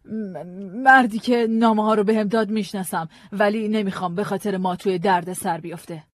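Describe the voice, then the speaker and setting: A woman's voice: lowish voice, steady tone, darkish tone, dry recording, lightly acted. A woman voicing a frightened, guarded wife who speaks hesitantly and pleads, in a dry audiobook recording. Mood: anxious. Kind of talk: audiobook drama reading.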